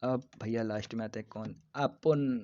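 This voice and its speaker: A man teaching biology for an exam, repeating terms slowly and joking with his students. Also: medium pitch, little pitch movement, mellow, slight background noise. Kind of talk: casual exam-prep lesson. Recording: dull lo-fi recording.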